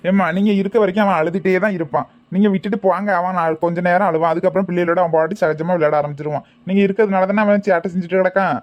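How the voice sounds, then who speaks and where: A man playing a brisk, sharp-tongued kindergarten teacher. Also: sits high, steady tone, natural voice. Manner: brisk, bossy, quick to threaten. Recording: dull lo-fi sound.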